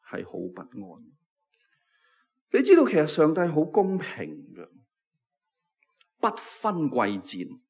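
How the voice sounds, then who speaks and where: A man preaching a sermon in Cantonese, swinging between loud emphatic phrases and hushed, low endings. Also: breathy edge. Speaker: pastor.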